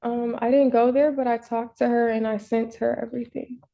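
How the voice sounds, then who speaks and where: A woman's voice: on the high side, level tone, brisk, vocal fry, mellow, highs cut off. A woman in her twenties, a defendant in court, giving short, hesitant answers, heard through a courtroom recording. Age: 20s.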